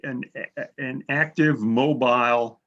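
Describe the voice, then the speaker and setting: A man's voice: medium pitch, steady tone, slow, a bit bright, dull audio, a little hiss or hum. A man hosting an admissions coaching webinar over a video call, talking bluntly and repeating his words as he thinks aloud. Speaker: admissions consultant host.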